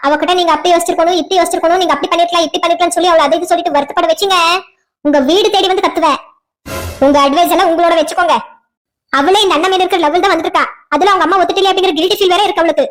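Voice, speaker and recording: A woman with a south Tamil accent voices a cartoon drama in a fiery, scolding way. Her voice sits very high and she rattles the lines off at a breakneck pace. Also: fairly bright tone. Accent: south Tamil Nadu dialect. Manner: fiery and scolding, fast retorts. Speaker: voice actor for a cartoon series.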